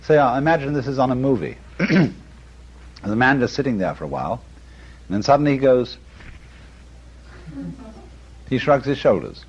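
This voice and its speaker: Husky man lecturing on a dull recording. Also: medium pitch, expressive, fairly quick. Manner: musing, chuckling, with frequent asides. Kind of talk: lecture on art and philosophy.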